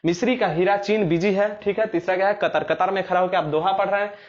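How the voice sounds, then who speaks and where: A man's voice: high-pitched, steady tone, fast, lo-fi sound. A young man teaching exam memory tricks, telling playful little stories and acting out scenes in rustic dialect. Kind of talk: explaining memory tricks for exams.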